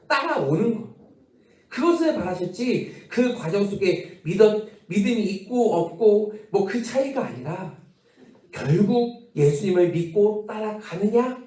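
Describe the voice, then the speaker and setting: A male pastor delivers a sermon in a warm, mellow voice, turning often to the congregation with questions. He slows down to lean on key phrases, then moves quickly through the rest. The sound is roomy and a little distant, as if picked up from across a church sanctuary. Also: high voice. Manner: addresses congregation with rhetorical questions; shifts between slow emphatic and quick phrasing.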